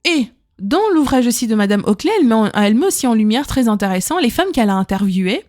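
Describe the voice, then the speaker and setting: Young woman host, chatty and emphatic, slightly high pitch, repeats herself. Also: expressive, fast talker, a little mellow, faint music behind. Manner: emphatic, peppers speech with "hein", repeats words. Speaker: podcast host. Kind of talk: casual advice talk to listeners.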